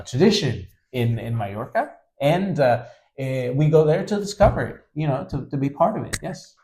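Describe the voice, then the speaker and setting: A man speaks in a gravelly, mellow voice. He talks hesitantly, with frequent ums and restarts. The sound is echoey, from a reverberant room. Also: mid-range voice. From Honduras. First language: Spanish. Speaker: language teacher and co-host. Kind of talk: casual podcast chat.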